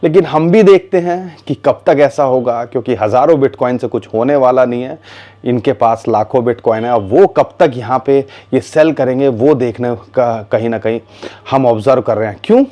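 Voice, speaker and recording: A man's voice: mid-range voice, normal speed, mellow. A man giving casual, explanatory market commentary. He talks in a conversational way, asks rhetorical questions and calls his viewers "bhaiya".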